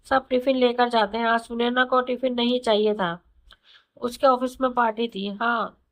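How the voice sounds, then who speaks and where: A woman narrates a first-person audio story in a calm, conversational way. Her voice sits somewhat high, and she keeps an even storytelling manner throughout. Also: moderate pace.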